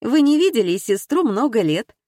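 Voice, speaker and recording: A woman voicing a male investigator who gives brisk, calm orders. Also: a little high, no room sound, studio quality, voice pushed up. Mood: reasoning.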